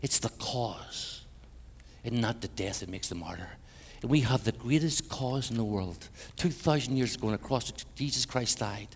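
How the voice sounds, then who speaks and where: An Irish man preaching an evangelistic sermon with personal testimony in a large church, swinging between loud emphatic peaks and hushed passages, with wry humorous asides. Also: mid-range voice, moderate pace, breathy edge. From Ireland. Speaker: guest preacher, minister to Europe. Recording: church hall with long reverb.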